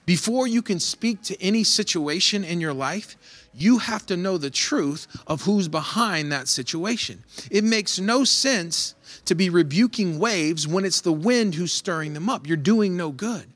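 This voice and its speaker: A man's voice: high-pitched, expressive, unhurried, fairly bright tone. A male pastor preaching a conversational sermon, retelling a Bible story and acting out its voices.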